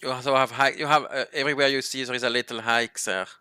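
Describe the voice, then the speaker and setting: A man hosting a casual chat, halting and restarting often as he explains local words. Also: mid-range voice, fairly even intonation, sharp tone, smooth, no echo, studio quality. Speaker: host.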